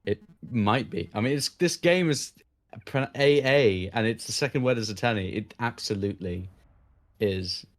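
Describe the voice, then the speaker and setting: A man's voice: on the low side, normal speed. A man joining a game playthrough as a guest, joking and rambling in casual chat. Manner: joking, rambling, self-deprecating. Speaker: guest co-player.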